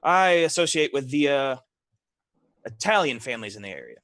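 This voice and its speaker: A man voicing a cocky, self-important mobster bear who talks in halting, smooth-operator pitches in a tabletop game. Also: very animated, a bit bright, no echo. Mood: boastful.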